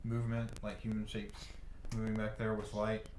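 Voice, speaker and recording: A man narrating as game master of a tabletop role-playing game, in a relaxed, halting way. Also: on the low side, roomy sound, heavy background noise.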